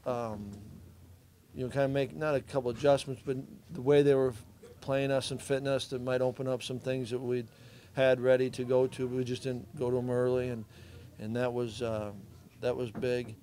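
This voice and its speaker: A man's voice: mid-range voice, little pitch movement, moderate pace, mellow. A middle-aged man, a head football coach, giving plainspoken, understated answers at a postgame press conference.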